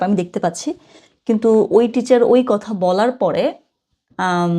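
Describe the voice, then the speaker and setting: A woman from Bangladesh, teaching German in a casual online lesson, sounding chatty and reading example phrases slowly and carefully. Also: medium pitch, dark tone.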